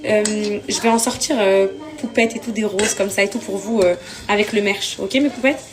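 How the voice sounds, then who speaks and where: A woman's voice: medium pitch, fairly even intonation, normal speed. A tired young woman in casual vlog chat, venting and exasperated, often repeating herself. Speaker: vlogger. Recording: household clatter behind.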